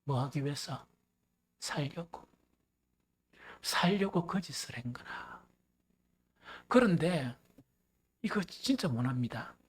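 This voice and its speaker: A male pastor preaching a sermon, animated and swinging between loud and hushed. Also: on the high side, slow pace, pauses often, slightly rough.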